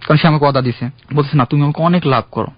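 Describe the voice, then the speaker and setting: A man's voice: on the high side, rapid-fire, no room sound. Young man earnestly telling his story. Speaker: caller. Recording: dull, dry radio studio sound.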